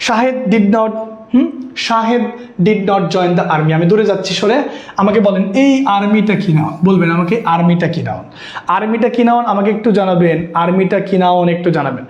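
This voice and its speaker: A man's voice: high voice, a little fast, reverberant, muffled recording. A man teaching a live online exam-prep class, who repeats himself and keeps quizzing his students. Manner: repetitive, questioning students constantly. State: sweaty and worn out.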